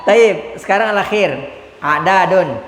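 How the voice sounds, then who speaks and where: A man's voice: sits high, measured pace, fairly bright tone, a little hiss or hum. A male Arabic teacher leading a classroom lesson. He prompts his students one by one, then corrects and praises them briefly. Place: mosque hall. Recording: echoey mosque hall.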